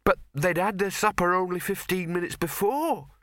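A man's voice: high voice, normal speed, a bit bright, no room sound, studio quality, pitched above the performer's own voice. A man voicing a nervous male servant who whines and stammers in fear. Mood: nervous whining. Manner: whining, stammering, fearful.

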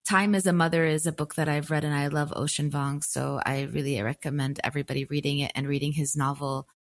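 A podcast host with a low, fast, fairly even voice conducts a warm interview with no room sound. She speaks in an earnest, encouraging manner.

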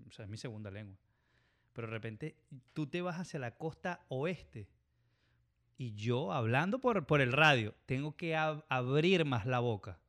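Venezuelan man, pilot, casual chat, animated and rambling. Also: mid-range voice. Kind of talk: casual conversation.

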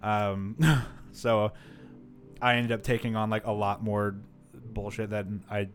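A man's voice: fairly low pitch, flat delivery, slow pace, soft background music. A man co-hosting a podcast, telling a work story in casual chat, full of "like" fillers and acted-out quotes. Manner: rambling, many "like" fillers, acts out quotes. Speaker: podcast co-host. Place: live-streamed podcast setup.

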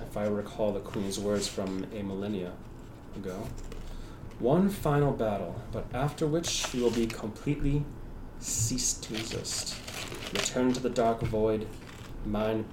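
A man's voice: fairly low pitch, measured pace, natural voice. A man voicing a grim, sardonic tiefling spirit with needling, theatrical phrasing for a tabletop game. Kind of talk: tabletop game character acting. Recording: roomy, distant mic with background noise.

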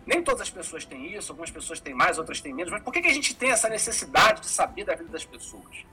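Male host, bright voice, explaining calmly, faint music behind. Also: a little high, quick pace, low-quality recording. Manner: thoughtful, explanatory. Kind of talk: casual discussion.

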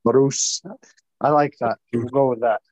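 A man's voice: mid-range voice, steady tone, moderate pace, darkish tone, no echo, poor audio. A man raised in the United States after an early childhood in Egypt, talking plainly and asking questions on a video call. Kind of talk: casual chat.

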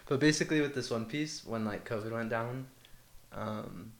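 A man's voice: mid-range voice, normal speed. A man in his twenties chatting casually on a podcast with friends, talking like a slangy frat bro. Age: 20s. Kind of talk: casual chat among friends.

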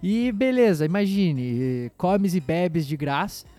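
A young man co-hosting a podcast, telling a story in a casual, slangy way that swings between loud bursts and low asides. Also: lively intonation, slow pace, soft background music. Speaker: podcast co-host. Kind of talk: casual chat.

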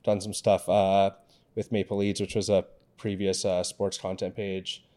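A man in his twenties from Canada, co-hosting a podcast in a relaxed, rambling chat. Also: low-pitched, a little slow. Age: 20s. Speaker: podcast co-host. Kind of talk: casual chat.

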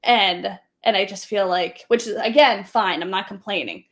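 A woman's voice: mid-range voice, normal speed, fairly bright tone. A pregnant woman in her thirties chatting casually as a podcast co-host, laughing often and trailing off into fillers. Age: 30s. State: pregnant, tires quickly. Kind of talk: casual chat.

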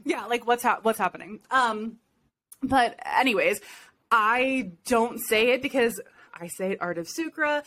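A woman's voice: fairly high pitch, lively intonation, measured pace, fairly bright tone. A young woman from Ohio co-hosting a casual podcast chat, chatty and self-deprecating, laughing often. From Ohio, USA. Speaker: podcast co-host and business owner.

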